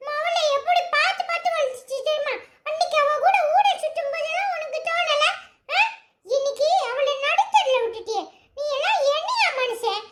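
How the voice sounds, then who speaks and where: A woman's voice: extremely high pitch, fairly bright tone. A woman voicing a taunting village girl in a cartoon, who scolds with a Tirunelveli Tamil accent.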